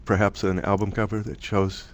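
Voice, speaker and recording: Low-voiced man giving a casual lecture. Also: level tone, moderate pace. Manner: conversational, thinks aloud with restarts. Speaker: presenter from a music archive. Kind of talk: online lecture presentation.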